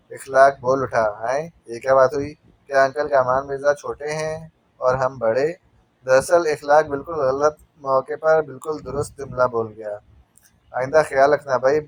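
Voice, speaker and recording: A man's voice: medium pitch, no echo. A man narrating a spy novel audiobook, reading the characters' banter with light voice changes.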